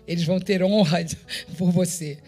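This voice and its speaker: Uma pastora brasileira com sotaque brasileiro dando voz a Deus como um pai amoroso, que fala com calma e firmeza para tranquilizar. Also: female voice, lowish voice, normal speed, faint music behind, close to an everyday voice. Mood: tender. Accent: Brazilian Portuguese. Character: God speaking tenderly as a loving father.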